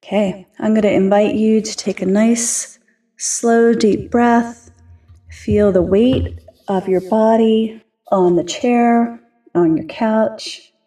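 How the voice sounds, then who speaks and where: Woman host doing a calm grounding meditation, mellow relaxed voice, gentle and unhurried, sounds a bit away from the mic. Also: a little high, recorded from a distance, faint music behind, low-quality recording. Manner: unhurried, soothing, gentle instructing. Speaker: host of a wellness podcast.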